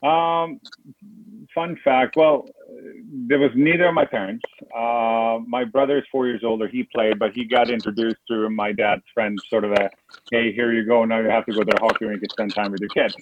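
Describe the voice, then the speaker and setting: A man's voice: medium pitch, fairly even intonation, moderate pace. A middle-aged man from Sweden, chatting as a guest in an interview and rambling with many fillers and restarts. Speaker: guest, foundation founder. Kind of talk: casual interview over a call. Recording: tinny phone-like line with noise.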